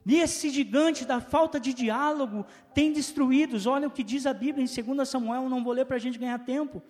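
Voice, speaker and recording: A pastor with a Brazilian Portuguese accent preaches in a large church hall, his very high voice a little mellow and moving at a moderate pace. His sermon is full of rhetorical questions and call-and-response with the congregation.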